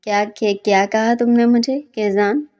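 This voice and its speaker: A fiery young female student, put on by a woman narrator nags and scolds with impatience in a storybook reading. The voice is soft and mellow despite the temper. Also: fairly high pitch, steady tone, normal speed, lightly acted. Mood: scolding.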